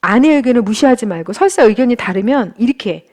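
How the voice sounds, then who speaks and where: A woman giving a church marriage-class lecture, speaking gently and acting out kind example phrases for husbands. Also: fairly high pitch, expressive, quick pace.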